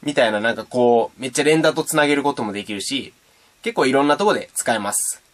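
A man's voice: mid-range voice, animated, quick pace. A man giving a casual, playful beatbox tutorial and demonstrating sounds as he explains. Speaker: beatbox teacher.

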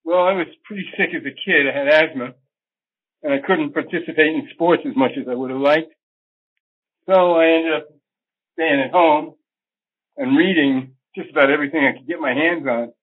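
A man's voice: fairly high pitch, moderate pace, long pauses, husky. A man guest recalling his youth in a reflective, rambling way, heard on an old archived radio recording. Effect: old archived radio interview recording. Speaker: interview guest, astrologer. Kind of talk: relaxed storytelling in an interview. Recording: tinny phone-like old recording.

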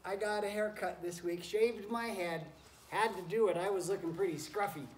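This man's voice sits high and moves at a normal speed as he reads a picture book to children in teacherly fashion, encouraging them and pausing to address the nearby goats and chickens. He's in a straw-lined wooden barn pen. The distant camera mic, a few feet off, captures a roomy, noisy barn sound.

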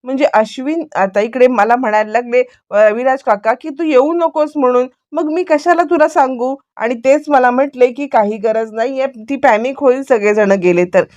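A woman's voice: high voice, normal speed, few pauses, a little mellow, natural voice. A woman voicing a young husband who explains himself defensively.

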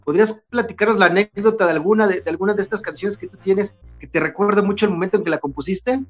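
A man's voice: high voice, fast talker. A man hosting an interview, asking friendly, chatty questions with many restarts. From Mexico. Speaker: interview host. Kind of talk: casual interview. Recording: dull lo-fi sound with faint music.

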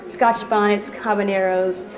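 This chef from Trinidad is doing a live in-store cooking demo for an audience in a department store's demo kitchen, where the room echoes. Her mid-range voice is steady and unhurried, and she's chatty and upbeat, joking with the crowd.

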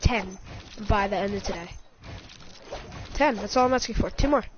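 A woman's voice: mid-range voice, moderate pace. A woman giving casual gameplay commentary as a gaming channel host, chatty and full of slang. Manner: chatty slang-filled, says yo and bro. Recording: dull lo-fi sound with game music. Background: game music.

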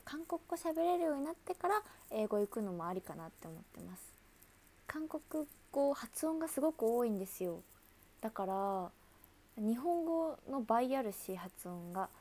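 Chatty woman with vocal fry. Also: fairly high pitch, warm tone. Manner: chatty, answers viewers, laughs often. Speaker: idol livestreaming to fans. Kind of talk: casual livestream chat.

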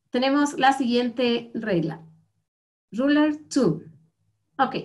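A woman with a Guatemalan Spanish accent teaches an English lesson to young students. Her voice sits high, and she speaks slowly and patiently, repeating each word so the class can follow. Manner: slow, patient, repeats words for students to copy.

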